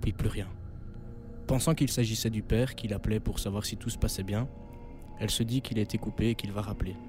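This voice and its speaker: A young man, co-host of a radio show, telling a scary story in a steady, measured way. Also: lowish voice. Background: eerie background music.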